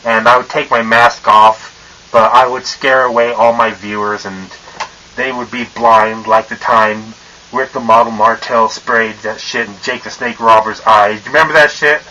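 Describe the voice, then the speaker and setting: A man's voice: medium pitch, fairly even intonation, normal speed, bright, forceful tone, slight background noise. A young man in a casual, profane vlog rant, his voice muffled by a mask he wears, rambling with lots of fillers and tongue-tied stumbles. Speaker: vlogger.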